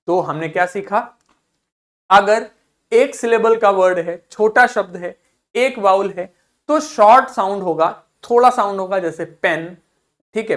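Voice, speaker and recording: A woman teaching English pronunciation in an online class, speaking patiently and often repeating key points. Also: mid-range voice.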